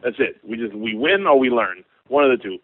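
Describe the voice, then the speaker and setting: Male fighter, mid-pitched, loose rambling slangy talk, heard down a dry, tinny phone line. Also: lively intonation, brisk, dry recording. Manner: colloquial and rambling. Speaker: professional fighter interviewee. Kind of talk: casual conference call interview. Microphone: telephone.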